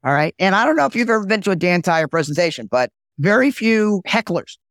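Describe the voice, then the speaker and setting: A middle-aged man, a podcast guest from sales, chatting casually and telling lively stories. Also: sits high, fairly quick, dry recording, studio quality. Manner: animated storyteller, lively and talkative. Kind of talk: casual interview chat with storytelling.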